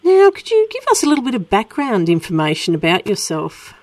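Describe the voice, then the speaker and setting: A woman's voice: medium pitch, wildly swooping pitch, a little fast, a little mellow, no echo. A woman presenting a prepared interview as a radio host.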